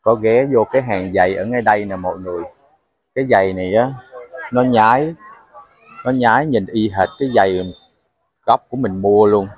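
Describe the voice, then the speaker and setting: A man's voice: lowish voice, normal speed, long pauses, a little mellow. A man narrating a casual travel vlog, chatting to viewers as he walks through a crowded night market. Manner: chatty, explains to viewers with fillers. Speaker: travel vlogger.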